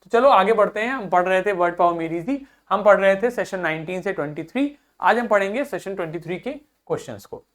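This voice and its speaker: A young man teaching a video lesson to school students in a friendly way, drilling pronunciation slowly and repeating each word several times. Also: high-pitched, lively intonation, fairly bright tone. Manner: friendly, addresses students as children.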